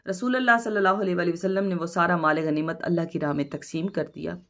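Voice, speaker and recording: A woman with a Pakistani Urdu accent teaches a recorded lesson, her voice set a little low. She reads word meanings slowly and stresses each one as she explains it to her students. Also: steady tone, fairly bright tone.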